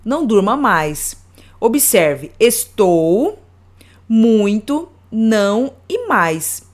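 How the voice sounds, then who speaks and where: A woman teaching a grammar lesson, reading out examples slowly and deliberately word by word. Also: on the high side, big pitch swings.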